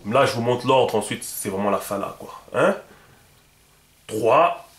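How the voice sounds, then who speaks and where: A man walks through a writing lesson in a loose, chatty way, circling back and repeating himself with plenty of fillers. His voice sits at an ordinary middle pitch. The room around him is echoey. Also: animated, a little slow. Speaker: teacher. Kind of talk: casual video lesson.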